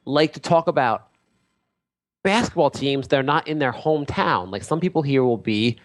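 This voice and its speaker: A man voices a grandiose, self-titled lord and sports insider in an improvised comedy piece, rambling through a pompous sales pitch. He's animated and lightly acted, speaking at a normal speed.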